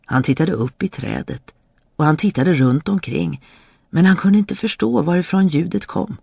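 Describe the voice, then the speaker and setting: Gravelly storybook narrator, dry close sound. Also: medium pitch, no room sound. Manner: steady fairy-tale narration. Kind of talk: storybook reading.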